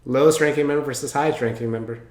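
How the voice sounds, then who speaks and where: A man's voice: medium pitch, fairly even intonation, racing, background noise. Casual man reacting in a roomy space. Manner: informal, slangy exclamations. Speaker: reaction video host. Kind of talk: casual running reaction commentary. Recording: roomy echo, show music behind. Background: music from the show being watched.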